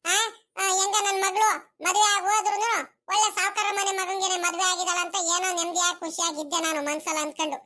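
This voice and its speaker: A fretful middle-aged village mother, voiced by a woman, complains at a rapid pace. The voice is very high and bright. It is a village comedy cartoon. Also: level tone.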